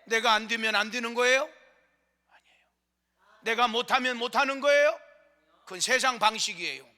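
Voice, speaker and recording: A male pastor preaching a sermon, telling a personal story with feeling and shouting his refrains. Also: extremely high pitch, brisk, in a large hall. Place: large prayer hall.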